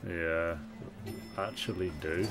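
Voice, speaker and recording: A man with a fairly low voice talks casually as a reaction host. His commentary is off the cuff, with faint music and show audio behind him. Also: steady tone, takes it slowly, fairly bright tone.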